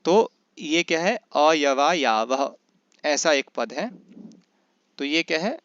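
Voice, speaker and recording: A man teaching Sanskrit in an online class, asking questions and answering them himself, and slowly chanting grammar rules. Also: on the high side, lively intonation, a bit bright, no room sound, dull audio. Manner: often checks in with "is that right?". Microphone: computer mic in an online class.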